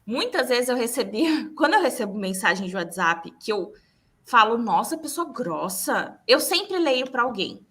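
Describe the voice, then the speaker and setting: A woman's voice: fairly high pitch, moderate pace. A Brazilian woman hosting a podcast in casual chat, telling candid stories and acting out what people said. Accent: Brazilian Portuguese. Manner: candid, animated storytelling with acted-out quotes. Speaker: podcast host.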